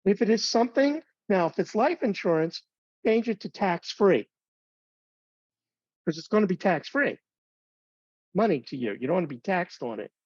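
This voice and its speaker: A man training advisors on planning software in a relaxed, conversational webinar, with fillers and light jokes. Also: sits high, moderate pace, pauses often, no echo. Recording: dull, dry webinar audio.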